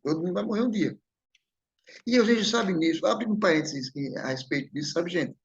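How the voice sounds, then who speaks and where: A man gives a spiritist lecture, recounting a personal story conversationally, often saying "né?" and addressing the audience directly. His voice is high-pitched, brisk and slightly rough, and the audio sounds dull.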